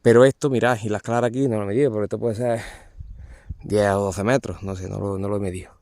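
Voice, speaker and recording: A man's voice: lowish voice, fairly even intonation, fast, a little mellow, no room sound, clean studio sound. A man, explaining olive pruning outdoors in an olive grove, informal and constantly pointing things out to viewers. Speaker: olive pruner. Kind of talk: hands-on field demonstration.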